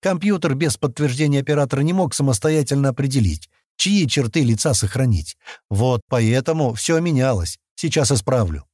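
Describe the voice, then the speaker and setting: A man reading an audiobook, voicing a confident, smug man who briskly explains and gives orders, in a slightly raised husky voice. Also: medium pitch, expressive, darkish tone, no room sound, studio quality, lightly acted. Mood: explaining.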